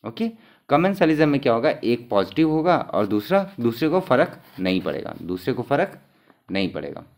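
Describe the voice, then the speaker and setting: Working through exam questions in a sing-song, mid-pitched voice at a moderate pace, this male teacher keeps it conversational, asking the class things and supplying the answers himself. Each key term gets repeated to make it stick.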